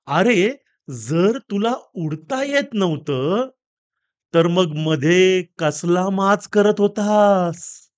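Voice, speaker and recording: A cocky little pet parrot with a high, lively voice that brushes people off with easy mockery, as a man puts him on while telling a story. The tone swings around playfully, and the delivery is carefree and teasing. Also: moderate pace, long pauses, no room sound. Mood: mocking. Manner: mocking, carefree. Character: cheeky smug male pet parrot.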